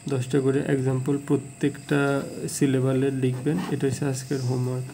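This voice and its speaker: Gravelly man teaching English. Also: medium pitch, completely flat delivery, dark tone, a little hiss or hum, rough recording. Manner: plain, repeats example words slowly. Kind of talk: casual video lesson.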